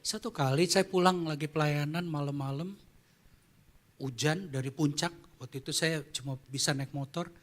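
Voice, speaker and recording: A man's voice: a little high, moderate pace. A man who is a pastor, preaching a storytelling sermon at a church service in a conversational way and asking the congregation questions.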